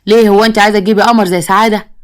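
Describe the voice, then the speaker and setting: A commanding Egyptian village father who scolds his family and dotes on one daughter-in-law, as a woman storyteller reads his part. He speaks very fast, at a middle pitch. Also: fairly even intonation, close to an everyday voice. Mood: stern. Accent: Egyptian Arabic.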